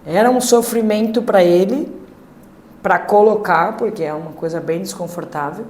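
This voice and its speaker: A Brazilian woman telling her family story as a podcast guest, halting and emotional, with many fillers. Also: fairly low pitch, a little mellow, a little hiss or hum. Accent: Brazilian Portuguese. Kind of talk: personal testimony in a podcast. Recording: echoey room.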